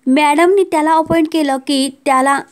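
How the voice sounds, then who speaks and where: Give me a fussy, eager assistant from a TV serial who chatters on, as a woman narrator puts him on, high in pitch. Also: normal speed, close to an everyday voice.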